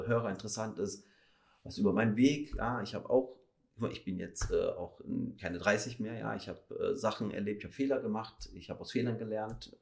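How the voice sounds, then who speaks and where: A man's voice: on the low side, creaky, darkish tone. A man in his thirties from the Ruhr area, a dentist talking at ease on a podcast, with lots of fillers. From Ruhr area, Germany. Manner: chatty, many fillers, drawn-out phrases. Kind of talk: relaxed podcast conversation.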